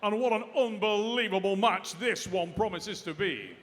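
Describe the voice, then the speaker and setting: A man announcing and interviewing at a live sports event, with a booming, pumped-up announcer delivery that draws out names. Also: moderate pace, a bit bright. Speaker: ring announcer and post-match interviewer. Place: large indoor event arena. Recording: long hall reverb.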